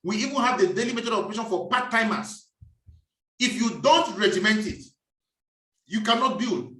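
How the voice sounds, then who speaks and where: A man's voice: sits high, normal speed, bright, forceful tone, far from the mic. A man giving a preachy, emphatic business talk and repeating his key phrases. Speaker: business speaker. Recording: echoey room, voice off-mic.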